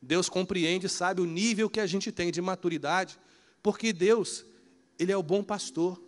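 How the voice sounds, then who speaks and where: High-voiced pastor preaching in an echoey hall. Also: male voice, normal speed. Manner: animated, acts out dialogues. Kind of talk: sermon. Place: church. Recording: echoey church hall with faint music.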